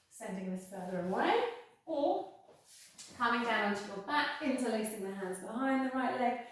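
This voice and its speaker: A woman teaching a yoga class, guiding each step in a careful, unhurried, reassuring way. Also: a little high. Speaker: yoga instructor. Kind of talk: guided yoga class instruction. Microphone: worn mic near the face. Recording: very echoey room, distant-sounding.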